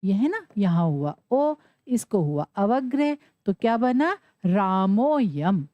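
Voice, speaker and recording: A woman's voice: mid-range voice, very animated, slow, dry recording, muffled recording. A woman teaching Sanskrit grammar, asking questions and answering them herself. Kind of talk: classroom lesson explanation.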